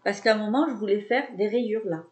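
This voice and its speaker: A woman's voice: mid-range voice, brisk. Woman, 30s, from France, casual knitting podcast host, hesitant and chatty. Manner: chatty, hesitant, many fillers and restarts. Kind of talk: casual chat.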